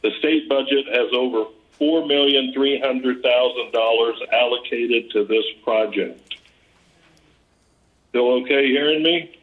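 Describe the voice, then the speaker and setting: A man chairing a public meeting over a speakerphone, reading through his report in a steady, businesslike way with frequent pauses to say "uh". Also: medium pitch. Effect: heard over a speakerphone. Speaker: chair of a village board meeting. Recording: tinny speakerphone played into a room.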